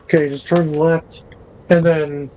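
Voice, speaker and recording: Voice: medium pitch, level tone, slow, dark tone, muffled recording, a little hiss or hum. A speaker in casual gaming voice chat, guiding a teammate with directions and many fillers.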